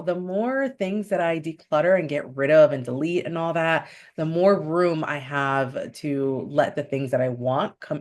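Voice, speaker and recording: A young woman vlogging casually to camera, chatty and animated, with lots of "like" and swooping emphasis. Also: low voice.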